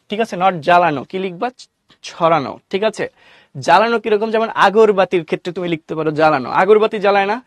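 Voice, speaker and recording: High-voiced young man teaching a class. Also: no echo, studio quality. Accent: Bangladeshi Bengali. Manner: asks questions and answers them himself; mixes English words into his speech. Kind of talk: online class lecture.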